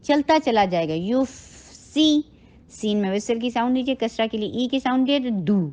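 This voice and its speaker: A woman teaching tajweed, reciting words slowly and drawn out, then briskly explaining how to shape each sound with the lips and throat. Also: on the high side, expressive, darkish tone, highs cut off. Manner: instructive, gives step-by-step mouth and throat directions.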